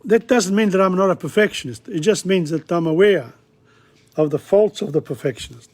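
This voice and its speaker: A man's voice: high voice, a little fast, a little mellow. A man teaching an informal language lesson, talking in a rambling, digressive, chatty way. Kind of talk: casual spoken lesson. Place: Australia.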